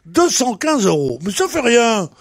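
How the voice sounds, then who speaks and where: An older man, a regular panelist on a radio talk show, tells an animated, colorful anecdote and acts out the lines of the people in it. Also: very high-pitched, unhurried. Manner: colorful, boastful storytelling, acting out the others' lines. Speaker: regular panelist telling a story.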